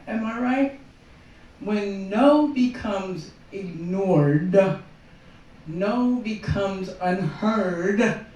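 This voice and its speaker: A woman's voice: mid-range voice, a little mellow, slight background noise. A woman doing a stand-up monologue at an open mic, rambling and constantly checking in with the crowd. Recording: very echoey room from far off.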